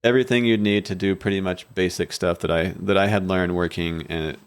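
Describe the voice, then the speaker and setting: A man in his thirties, a guest in a small podcast studio, telling his story in a rambling, candid way with many restarts, speaking into a boom-arm studio mic. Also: fairly even intonation, a little fast, clear, resonant tone. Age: 30s. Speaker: guest, bike shop owner. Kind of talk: casual interview talk. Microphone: studio mic on boom arm, headphones.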